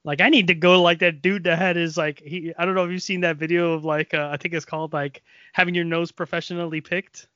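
Nasal, higher-voiced man chatting loosely. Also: little pitch movement, fast, bright, forceful tone, smooth, dry recording, muffled recording. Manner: rambling, loose storytelling with many fillers. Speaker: podcast co-host. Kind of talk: casual chat. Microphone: XLR microphone.

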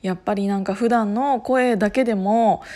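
A woman at an everyday middle pitch talking casually on her own podcast. She rambles in a chatty, unscripted way, full of fillers and quick little laughs. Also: dark tone. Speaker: podcast host. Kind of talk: casual solo talk.

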